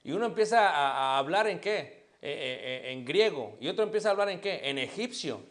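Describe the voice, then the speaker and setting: Mexican preacher asking and answering questions. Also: male voice, fairly high pitch, expressive, fairly quick, fairly bright tone. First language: Spanish. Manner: asks the congregation questions and answers them himself. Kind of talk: sermon.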